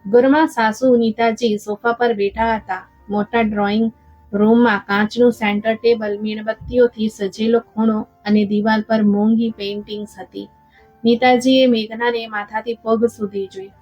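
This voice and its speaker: A woman storyteller reading a scripted moral story in a calm, even way. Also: on the high side, normal speed, dry recording. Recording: dull lo-fi with faint music.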